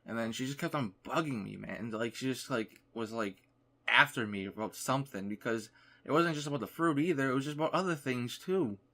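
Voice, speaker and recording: A man's voice: medium pitch, fairly quick, sharp tone. A young man, a gaming YouTuber, casually telling a rambling story over gameplay and filling his talk with "like.". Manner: rambling, lots of "like" fillers.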